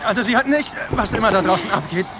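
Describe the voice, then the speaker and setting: An actor playing a protective husband in a dramatic video game, tough and desperate under pressure. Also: male voice, high voice, quick pace, very noisy, natural voice. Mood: pleading, desperate.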